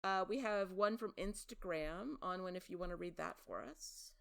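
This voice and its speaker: A woman's voice: fairly low pitch, moderate pace, gravelly. A woman hosting a podcast, chatting casually and sharing trivia with a self-deprecating manner. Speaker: podcast host.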